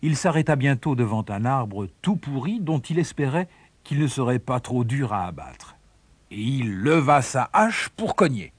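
A man with a husky voice narrating a fairy tale expressively. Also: mid-range voice, big pitch swings, measured pace, dry recording. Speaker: storyteller.

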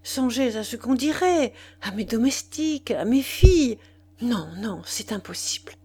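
A trembling married woman refuses in breathless, faltering phrases, sometimes dropping to a near whisper, as a woman narrator voices her. It is a storybook reading in a somewhat high voice. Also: lively intonation, a little slow, warm tone, a little hiss or hum. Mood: flustered.

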